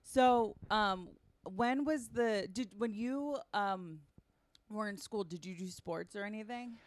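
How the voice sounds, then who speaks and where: A woman's voice: medium pitch, slow pace, no echo. A woman hosting a podcast, talking casually and rambling with many fillers. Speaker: podcast host. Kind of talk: casual chat.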